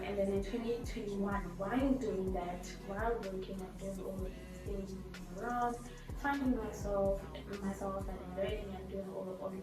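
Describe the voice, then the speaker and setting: A twenty-year-old woman from South Africa telling her story in a casual, rambling vlog, full of fillers and restarts. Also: mid-range voice. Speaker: vlogger. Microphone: laptop or phone camera mic. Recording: echoey room, voice from a distance, music playing.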